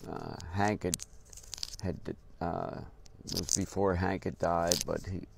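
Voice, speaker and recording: An older man telling a casual story about his drumming days, halting and unhurried, with many pauses and restarts. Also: low voice, steady tone. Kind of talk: casual spoken anecdote. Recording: noisy recording with clear background hiss.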